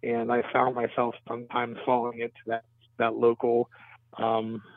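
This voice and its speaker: A Mid-Atlantic-accented man appears as a guest on a casual podcast interview, an event organizer who rambles and corrects himself as he goes. His medium-pitched voice is monotone at a moderate pace, with no echo. The audio is dry and tinny, like a phone line.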